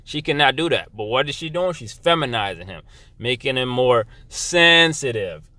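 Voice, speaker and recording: A young man ranting to camera in a blunt, profane casual vlog, dropping to a low mutter and then jumping to loud outbursts. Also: expressive, normal speed, dry recording. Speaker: vlogger. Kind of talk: casual opinion rant.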